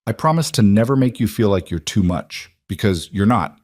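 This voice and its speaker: Man voicing a gentle single-dad groom. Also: on the low side, animated, normal speed, no room sound, clean studio sound. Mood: tender. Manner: warm, earnest. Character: gentle, guarded single dad making vows.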